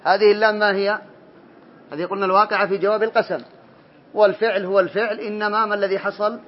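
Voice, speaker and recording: An Arabic morphology teacher whose voice sits high drills students through a classroom grammar lesson, calling on each by name and correcting answers. The dull lo-fi recording has slight background noise.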